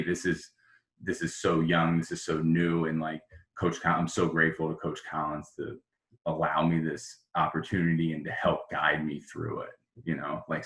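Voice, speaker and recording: A man's voice: very deep voice, a bit bright, roomy sound. A man, a former assistant baseball coach, reminiscing in a rambling way with many fillers on a video call. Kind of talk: casual video-call interview.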